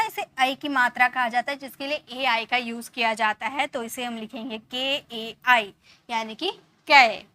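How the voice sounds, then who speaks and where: A woman gives a classroom lesson in a high, bright voice. She explains patiently step by step, repeats herself, and asks questions she answers herself. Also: dry recording. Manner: patient, repetitive explaining with many rhetorical questions. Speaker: English teacher.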